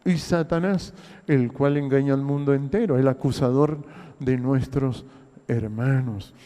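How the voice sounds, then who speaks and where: Older Honduran pastor preaching in a reverberant hall. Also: male voice, mid-range voice, a little slow, warm tone. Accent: Honduran Spanish. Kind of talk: sermon.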